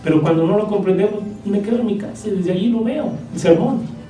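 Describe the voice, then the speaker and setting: A man delivers a sermon in a conversational, teaching manner, often pausing to check that his listeners follow. His voice is mellow and sits fairly high for a man. He is recorded from some way off in a reverberant church, with faint music underneath. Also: distant mic. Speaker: preacher. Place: church hall.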